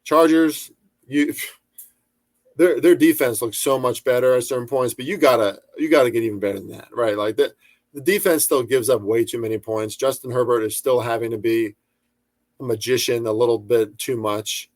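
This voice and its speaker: A young man riffs through sports betting commentary in a loose, profane way. He keeps stopping and restarting with fillers and chatty asides, at a middling pitch. His voice sounds dry and close, with no room echo. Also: normal speed.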